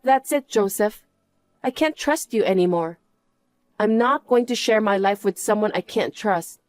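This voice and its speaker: A woman's voice: medium pitch, expressive, measured pace, no room sound, natural voice. Woman playing fed up wife in a story drama, scolding, unforgiving, super dry sound. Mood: firm, cold. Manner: scolding, dismissive. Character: scornful betrayed wife, firm and unforgiving. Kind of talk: dramatised story narration and dialogue.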